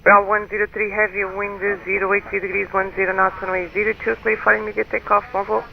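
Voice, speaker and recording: A man's voice: sits high, level tone, fast, creaky. A man working as an airport tower controller over the radio, giving clipped, procedural instructions and reading digits one by one. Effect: aviation radio transmission. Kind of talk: air traffic control instructions. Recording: dull aviation radio with faint noise.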